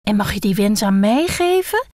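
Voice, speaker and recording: A woman's voice: fairly high pitch, takes it slowly, dry recording, studio quality, full character voice. A woman voicing a talking bald head of a young man, bookish and full of eager questions. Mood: excited. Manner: excited, tumbling questions.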